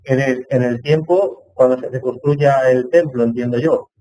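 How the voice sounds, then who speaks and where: A man's voice: medium pitch, moderate pace, mellow, poor audio. Man asking winding questions in an online class. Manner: thinks aloud, with long winding questions. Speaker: seminar participant.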